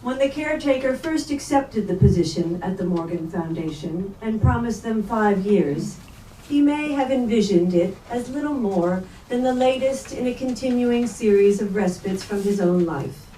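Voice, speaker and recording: A woman with a mellow, medium-pitched voice and lively intonation reads literary prose aloud at a moderate pace during a staged book reading. The event takes place in a bookstore space, recorded in an echoey room with a distant mic and faint noise.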